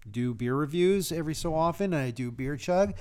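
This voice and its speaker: A man chatting casually as a guest on a podcast. His voice sits a little high, and he rambles in a laid-back way, often repeating words before he finds what he wants to say. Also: expressive, brisk, a little mellow, clear, resonant tone. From United States. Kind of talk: casual chat.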